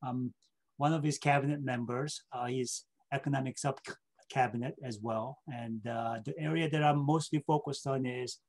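Speaking English in a casual interview, a state government official from South Korea has a mid-range, slightly mellow voice, fairly even intonation, and a moderate pace. He caps his points with tags such as "okay" and "right," and he often says "uh" and repeats words.

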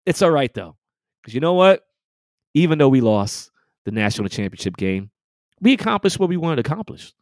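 Heated, animated man ranting on a podcast. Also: fairly high pitch, brisk, pauses often, no echo, studio quality. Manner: animated, profane trash talk; gloating, heated. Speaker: podcast host. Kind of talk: casual podcast rant.

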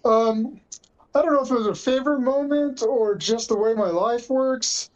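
A woman's voice: fairly high pitch, normal speed, darkish tone. A woman who plays airsoft, chatting casually on a podcast and telling stories in a self-deprecating way. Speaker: airsoft player. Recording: dull lo-fi audio.

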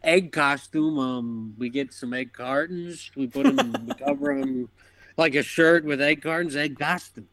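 A man's voice: a little high, expressive, measured pace, fairly bright tone, no room sound. A man imitating his blunt, impatient father with a Midwestern accent, brusque and swearing. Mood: dismissive. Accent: Midwestern American. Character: gruff blunt Midwestern dad, impatient with effort.

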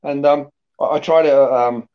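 A middle-aged man raised in Australia, talking casually as a podcast guest in a rambling, lively way with many restarts. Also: mid-range voice, moderate pace. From born in Greece, raised in Australia. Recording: dull lo-fi podcast audio.

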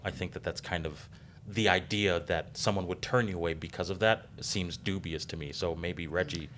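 A man's voice: low voice, fairly even intonation, moderate pace, a bit bright, a little hiss or hum. A man hosting a podcast interview, talking in long earnest stretches filled with ums. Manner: rambling, frequent ums, earnest. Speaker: podcast host.

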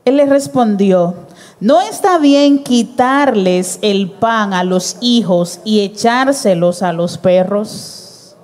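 A woman reading scripture aloud during a church service at a slow, measured pace. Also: mid-range voice, expressive, a little mellow. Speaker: scripture reader.

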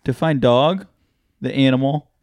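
Clear-voiced man chatting casually. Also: mid-range voice, unhurried, darkish tone, no echo. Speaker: podcast co-host. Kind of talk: casual chat and storytelling.

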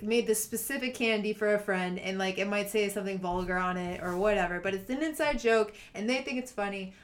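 A woman's voice: mid-range voice, fairly bright tone. A woman co-hosting a podcast, talking in an earnest, emphatic way and laughing easily. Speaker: podcast co-host. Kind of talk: casual chat.

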